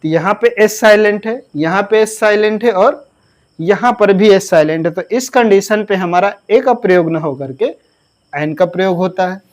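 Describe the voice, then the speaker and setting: A man's voice: sits high, moderate pace. A male English grammar teacher giving a lesson. He asks the class questions, answers them himself, and spells words out letter by letter.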